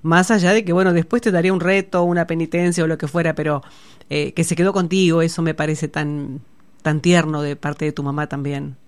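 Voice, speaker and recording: Smooth-voiced woman interviewer. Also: low-pitched, little pitch movement, a little fast. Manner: soft-spoken, asks gentle follow-up questions. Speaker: host. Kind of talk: conversational interview.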